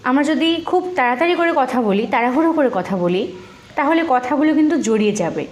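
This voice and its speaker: High-voiced woman giving motivational tips. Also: expressive, a little fast, a little hiss or hum. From Bengal. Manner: instructive, counts off points, asks "right?". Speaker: motivational video creator. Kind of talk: motivational talk to camera.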